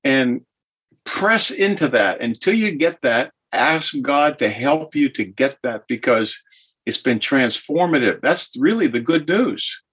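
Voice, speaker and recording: A man's voice: mid-range voice, expressive, unhurried, a bit bright, slightly rough. Earnest older man, heartfelt podcast guest. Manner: earnest, heartfelt, emotionally open. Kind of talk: podcast interview.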